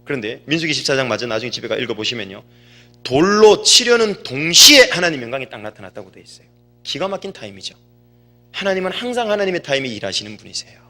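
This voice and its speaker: A man's voice: mid-range voice, big pitch swings, fast talker, sharp tone, faint music behind. A male pastor preaching a sermon, telling stories and asking the congregation rhetorical questions.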